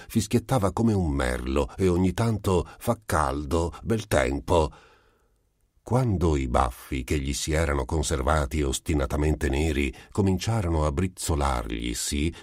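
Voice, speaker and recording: A man narrates a literary audiobook in an extremely deep voice. His phrasing is measured and expressive, slowing to weigh the words. The recording is dry and close. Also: no echo.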